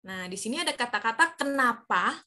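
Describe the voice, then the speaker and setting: Bright, cheerful woman teaching voice acting. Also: fairly high pitch, lively intonation, fairly quick. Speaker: voice actor teaching a workshop. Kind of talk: online class for children. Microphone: video call.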